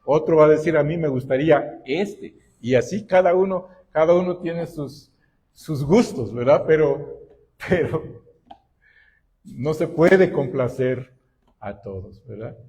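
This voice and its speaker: Pastor que predica despacio y pausado. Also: male voice, fairly high pitch, mellow. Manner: slow and deliberate, often adding "¿verdad?". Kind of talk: sermon. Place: church.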